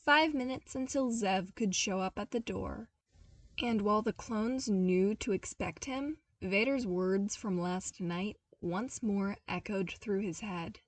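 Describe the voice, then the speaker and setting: Speaking slowly in a mid-range voice, a female podfic narrator reads a fan fiction story with expressive, scripted delivery. The recording is dry, with the mic set slightly distant.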